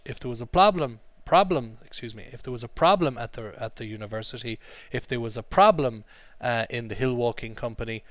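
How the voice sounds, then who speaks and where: A man leads an English lesson, explaining words and having the class repeat phrases after him. His voice is mid-pitched, and the recording sounds dry and close. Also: no echo. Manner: drills pronunciation, repeating phrases for students. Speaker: English teacher.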